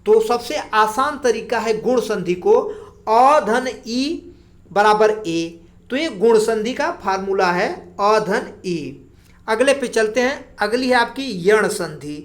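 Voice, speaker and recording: A woman teacher explaining grammar slowly for exam preparation, drawing out single sounds as she goes. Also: on the high side, lively intonation. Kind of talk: exam-prep grammar lesson.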